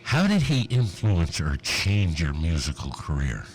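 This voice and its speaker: A man hosting a radio interview, asking brief prompting questions and dropping quick quips. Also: sits low, very animated, slight background noise. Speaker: radio host.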